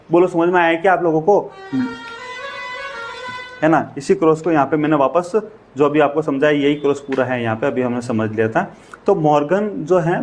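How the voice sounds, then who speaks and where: Male science teacher from India, slightly high voice, repetitive, question-driven lecturing. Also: darkish tone. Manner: explains in Hindi mixed with English terms, repeats phrases; rhetorical questions, frequent "है ना" check-ins. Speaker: biology teacher. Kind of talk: classroom lecture to camera.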